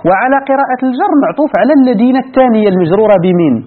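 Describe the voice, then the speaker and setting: A man's voice: very high voice, animated, racing. A man with a Moroccan accent teaching a lesson of Quran commentary, going through the text verse by verse and asking his class rhetorical questions. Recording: tinny phone-like lo-fi recording.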